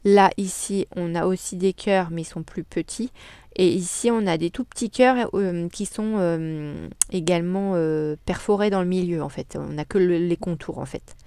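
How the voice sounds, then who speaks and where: A woman's voice: fairly low pitch, moderate pace, warm tone, clear, resonant tone, no room sound, studio quality. A woman chatting casually in a crafting haul vlog, hesitating often with many fillers. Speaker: crafting vlogger. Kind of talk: casual haul video chat.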